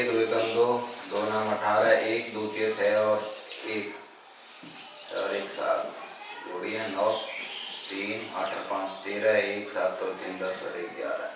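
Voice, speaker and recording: Reciting times tables out loud, a math teacher leads a board lesson and answers his own questions to the class, speaking with a fairly low voice, slowly and with frequent pauses. The microphone is far off, the room echoes strongly, and a steady noise sits beneath him.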